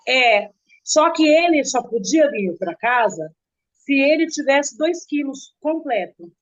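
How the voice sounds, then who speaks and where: A middle-aged woman telling a painful personal story in an interview, slow and earnest, often stopping and repeating words. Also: high voice, animated. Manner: halting, with restarts and repeated words. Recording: dull, muffled recording.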